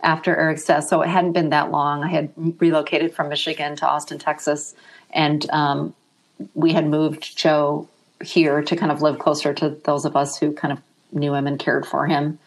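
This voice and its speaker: Woman, middle-aged, low voice, soft-spoken, reflective, emotional interview guest. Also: level tone, moderate pace.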